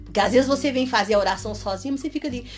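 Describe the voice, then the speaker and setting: A high-voiced woman with a mineiro accent preaches in a relaxed, conversational way. She is animated, breaks into laughter, and acts out little prayers. A faint guitar plays behind her. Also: rapid-fire. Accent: Minas Gerais Portuguese. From Minas Gerais, Brazil. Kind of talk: casual testimony and preaching talk.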